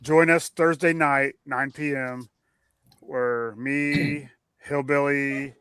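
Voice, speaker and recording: A man's voice: medium pitch, fairly even intonation, slow pace, fairly bright tone, smooth, no echo. A man hosts a laid-back livestream chat from his home, friendly and talkative. His voice sits mid-range and sounds close and dry. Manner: friendly, chatty, laughs easily. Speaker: podcast host. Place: home room during a storm.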